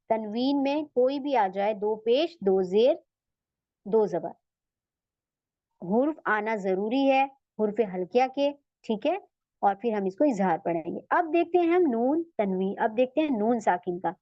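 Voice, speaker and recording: A woman with a fairly high voice teaches Quran recitation in an online lesson. She explains rules patiently and drawls out the Arabic words again and again. The sound is dull and lo-fi, dry with no room echo.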